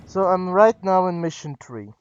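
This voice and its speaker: A man with a slightly high voice talks casually through a game livestream. He is informal and thinks aloud as he hosts. The sound is a bit dull and lo-fi, with music playing behind him. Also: lively intonation, moderate pace, clean tone, no room sound. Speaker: livestream host.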